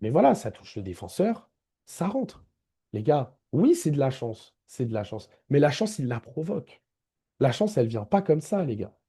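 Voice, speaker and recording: A man's voice: medium pitch, big pitch swings, moderate pace, dark tone, breathy edge. A man giving a casual football match debrief as a vlogger, emphatic, repeating his key points and addressing viewers directly.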